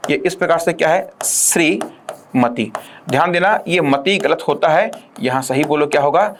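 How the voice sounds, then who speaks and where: A man with a slightly high voice delivers an exam-prep lesson. He drills his students with constant rhetorical questions and slows to a deliberate pace when dictating definitions. The tone is that of a classroom lecture. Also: slight background noise. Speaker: teacher.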